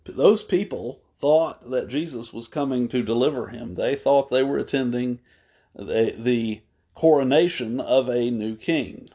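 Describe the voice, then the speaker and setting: A man preaching a sermon, retelling a story at an unhurried pace with pauses, fillers and small self-corrections. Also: medium pitch, warm tone, breathy edge.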